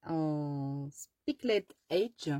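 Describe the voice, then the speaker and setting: A woman's voice: deep voice, expressive, drawn-out words, noisy background. A woman chatting casually through a haul of her craft supplies, rambling with lots of fillers and restarts and fumbling English product names. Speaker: craft vlogger. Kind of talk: casual haul show-and-tell.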